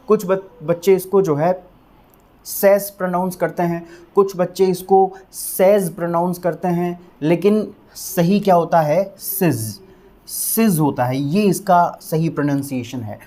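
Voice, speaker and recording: A male English teacher giving a vocabulary lesson, who repeats each word slowly to drill its pronunciation and keeps checking that viewers have understood. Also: on the high side, dark tone. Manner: addresses viewers as friends, asks "clear?".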